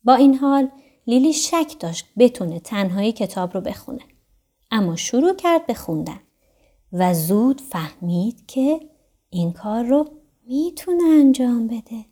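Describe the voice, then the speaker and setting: A woman narrating a children's audiobook in an expressive, sing-song storytelling manner. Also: on the high side.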